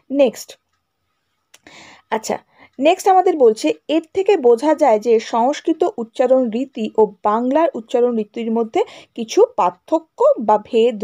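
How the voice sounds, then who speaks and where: A woman's voice: high-pitched, mellow. A woman teacher explaining a grammar lesson to schoolchildren. She goes over each point again and keeps checking with "right?" and "okay?".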